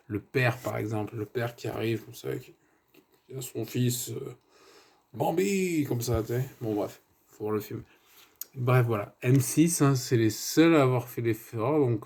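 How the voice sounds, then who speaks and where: Man, 30s, mid-pitched and mellow, digressive casual film reviewer. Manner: rambling and digressive, many fillers and tu vois asides.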